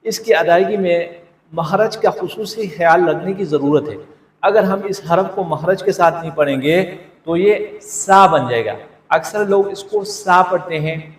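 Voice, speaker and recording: Guy teaching quran letters slow and patient, echoey roomy sound. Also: high-pitched. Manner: patient, explains slowly, repeats sounds aloud. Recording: echoey room with long reverb.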